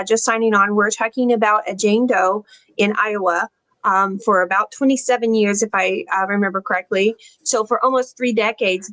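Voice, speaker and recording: A woman hosting an interview, talking in a gentle, reassuring way with many fillers. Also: mid-range voice, dry recording, poor audio. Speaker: interview host. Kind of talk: conversational interview.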